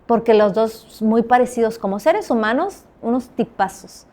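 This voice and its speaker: A woman's voice: fairly high pitch, moderate pace. A woman journalist with a Mexican accent, a guest in an interview, telling her stories with animation and acting out the dialogue. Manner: animated storyteller, acts out quoted dialogue. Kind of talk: anecdotal interview talk.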